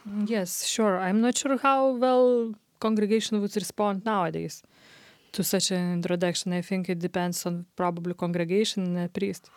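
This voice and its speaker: A woman organist co-hosting a talk about organ music, speaking in a measured, agreeable way. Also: medium pitch, steady tone, a little mellow, no room sound, studio quality. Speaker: organist and podcast co-host. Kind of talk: casual discussion.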